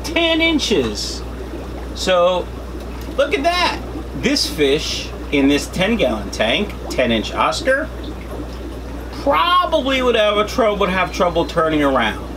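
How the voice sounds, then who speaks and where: A middle-aged man hosting a debunking vlog in a casual, opinionated way, explaining informally to the camera. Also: fairly high pitch. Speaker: host of a fishkeeping channel. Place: small indoor fish room full of tanks. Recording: steady background hum and noise.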